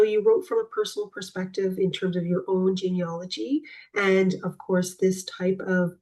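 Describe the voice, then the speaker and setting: Husky-voiced woman hosting a podcast. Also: mid-range voice. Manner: warm thanks, hesitant phrasing. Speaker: podcast host. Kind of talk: casual interview hosting.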